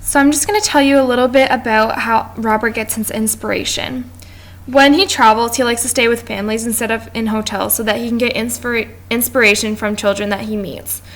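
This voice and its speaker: A woman reads her class presentation aloud from notes in a fairly high voice. She trips on a word now and then and restarts it before carrying on. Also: steady tone, fairly quick. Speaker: student presenter.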